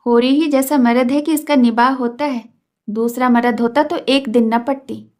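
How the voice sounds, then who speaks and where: A woman reading as a gossipy village shopkeeper who needles and stirs up trouble. The voice is high and spiteful in this read-aloud tale. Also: fairly even intonation, normal speed, a little mellow, lightly acted.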